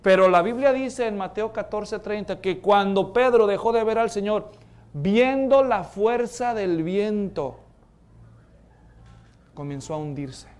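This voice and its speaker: A man preaching a sermon, retelling stories dramatically, acting out voices and dropping to quiet emphasis on his key points. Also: high-pitched, a little slow, clear, resonant tone.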